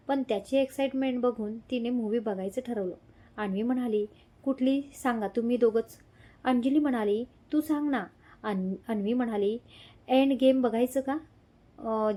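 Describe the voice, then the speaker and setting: Woman reading a story, mellow voice. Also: fairly high pitch. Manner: reads every character's lines in her own voice with little change. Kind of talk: scripted story narration.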